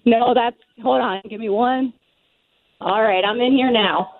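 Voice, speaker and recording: A woman's voice: a little high, a little slow. Young woman on a tinny phone line. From Maryland, United States. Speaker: caller, aquarium scuba diver. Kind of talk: casual phone chat.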